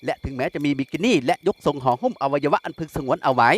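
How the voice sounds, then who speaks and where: A man narrating a Thai war-thriller novel in a steady storytelling manner. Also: a little high, fast, husky. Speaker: audiobook narrator.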